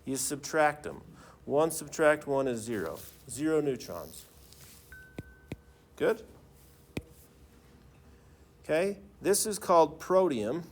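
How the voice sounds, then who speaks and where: A man's voice: fairly high pitch, big pitch swings, slow pace, long pauses, a little hiss or hum. A man teaching a class in the manner of a professor lecturing, informal and often checking in with students through questions.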